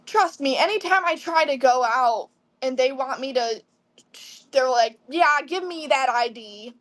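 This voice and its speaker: A woman's voice: sits high, animated, a little slow, a bit bright. A woman in her twenties from the Midwest, chatting casually on a live selling stream and answering viewers' comments. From Midwest USA. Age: 20s. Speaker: live online seller. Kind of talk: casual livestream chat.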